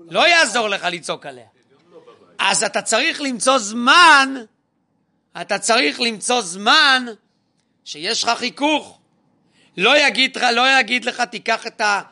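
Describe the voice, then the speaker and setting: A rabbi delivers a talk in a strikingly bright, cutting tone. His voice sits high for a man, and he keeps his listeners engaged with rhetorical questions and plain, direct advice. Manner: animated, asks the audience rhetorical questions and acts out parents. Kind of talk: spoken religious lecture on parenting.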